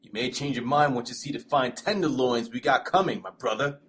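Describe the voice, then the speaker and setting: A man's voice: mid-range voice, brisk, fairly bright tone, a little hiss or hum, natural voice. A young man playing a pushy, pleading college frat guy in an audio story, talking in casual slang. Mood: teasing. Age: young adult. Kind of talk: audio drama acting.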